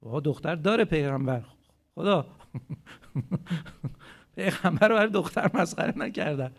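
A man giving a religious talk to a gathering, animated, swinging between loud emphatic phrases and quiet asides, and asking his listeners rhetorical questions. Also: fairly high pitch, gravelly. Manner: asks the audience rhetorical questions. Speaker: preacher.

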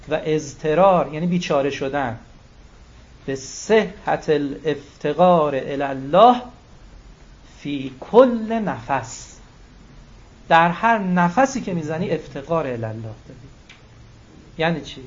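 A man giving a religious sermon, emphatic, repeating key phrases and quoting Arabic texts. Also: fairly high pitch. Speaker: cleric. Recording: dull lo-fi recording.

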